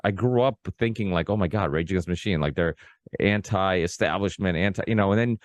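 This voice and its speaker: In a relaxed long-form podcast chat, a forty-ish man from Portugal, Portuguese by native tongue, keeps circling back and restarting, leaning on "you know, like." He speaks in a low voice, fairly quickly, with no echo.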